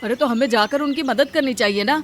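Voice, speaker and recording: A woman's voice: high-pitched, a little fast, lightly acted. A woman voicing a brave, earnest poor laborer husband in a cartoon story.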